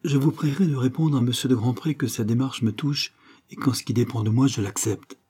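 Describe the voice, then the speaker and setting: A man's voice: medium pitch, fairly even intonation, a little fast, warm tone, husky, natural voice. A man voicing a sincere young woman of twenty-one in an audiobook of a novel, speaking firmly and from the heart. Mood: earnest. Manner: firm, heartfelt and earnest.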